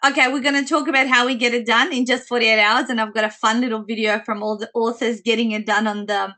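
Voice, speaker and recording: A woman with a slightly squeaky voice presenting an informal online coaching call in a chatty way. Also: flat delivery, quick pace, pushed and bright.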